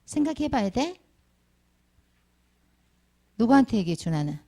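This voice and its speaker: Very animated and warm, a middle-aged woman's fairly high, creaky voice moves at a measured pace. During a Sunday school children's sermon, she names children one by one and puts many questions to the class.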